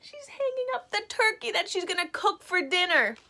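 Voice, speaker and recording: Her voice is very high as she reads a picture book to little children. Expressive and animated, she breaks off to explain words simply, teacher-style.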